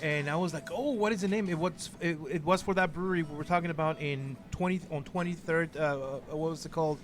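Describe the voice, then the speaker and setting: A man's voice: a little high, fast talker, faint music behind. A man hosting a casual podcast chat, rambling and searching for words with lots of fillers. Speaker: podcast host.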